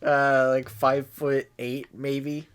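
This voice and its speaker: A man co-hosting a podcast in casual chat, answering in a dry, deadpan way with short replies. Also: medium pitch, extremely slow, clear, resonant tone. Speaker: podcast co-host.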